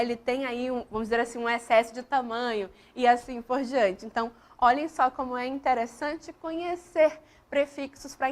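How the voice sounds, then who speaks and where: A woman teaching a school grammar lesson, walking through examples step by step and often putting questions to the class. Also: high voice. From Brazil.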